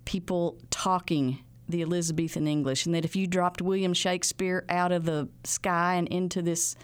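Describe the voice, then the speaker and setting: A woman with an Ozark accent, an outreach coordinator telling stories in a folksy, drawn-out way. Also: fairly low pitch, fairly even intonation, clean tone. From Ozarks, Arkansas. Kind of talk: storytelling interview.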